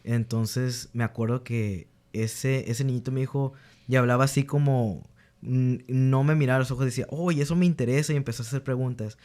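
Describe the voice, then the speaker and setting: In a relaxed interview, a young male teacher speaks at normal speed in an ordinary mid-range voice. As a guest, he earnestly shares candid stories about his students, acting out their lines and often restarting sentences as he collects his thoughts.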